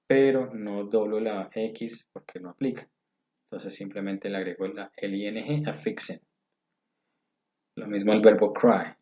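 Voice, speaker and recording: A man giving a recorded English grammar lesson, explaining rules slowly and step by step. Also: on the low side, mellow. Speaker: English teacher. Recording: dull lo-fi audio.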